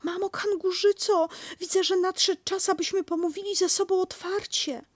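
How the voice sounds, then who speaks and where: Tiny scared piglet guy, super high squeaky voice, stammers, dry close sound, woman doing it. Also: fairly even intonation, normal speed, dry recording. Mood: shrill, flustered. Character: tiny timid male piglet, shrill and anxious.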